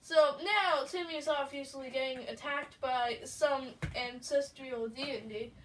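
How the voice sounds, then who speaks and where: High-voiced jokey woman telling a goofy story, mic a bit far off with faint background noise. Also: steady tone, a bit bright. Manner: joking, quick asides, giggly. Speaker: co-host. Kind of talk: casual storytelling game chat.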